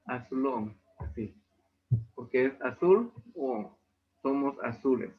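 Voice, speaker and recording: A man's voice: medium pitch, slow pace. A man with a Yucatecan Spanish accent teaching a language class over a video call, explaining patiently. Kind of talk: online class lesson. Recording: tinny video-call audio.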